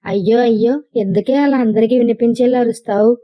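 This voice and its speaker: A woman's voice: fairly high pitch, fairly even intonation, a little fast, highs cut off, natural voice. A woman voicing a scolding, nagging old grandmother.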